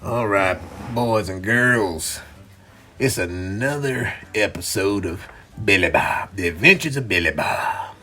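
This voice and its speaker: A fairly low-pitched man makes up a bedtime story for kids in his role as dad and host, speaking in a drawn-out, lively way and repeating phrases to stress them.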